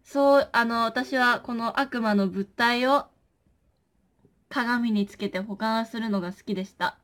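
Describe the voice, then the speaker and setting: A woman's voice: on the high side, unhurried, a bit bright. A woman chatting playfully on a live stream, reading viewer comments and talking to her plush toys.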